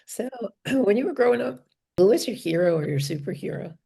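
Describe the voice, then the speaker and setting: A woman hosting a podcast interview, asking questions and affirming her guest gently. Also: mid-range voice, animated, a little fast, creaky, husky. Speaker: podcast host. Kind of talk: interview conversation.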